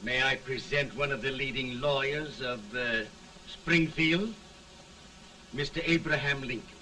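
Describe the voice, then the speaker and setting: An actor in an early talkie film playing a suave, flattering gentleman politician with courtly, flowery speech. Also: medium pitch, a little slow, a little hiss or hum. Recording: 1930 film soundtrack, distant mic.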